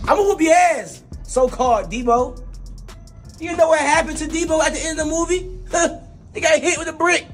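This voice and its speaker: High-pitched man taunting a rival. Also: moderate pace, faint music behind. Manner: taunting, laughing. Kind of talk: trash talk.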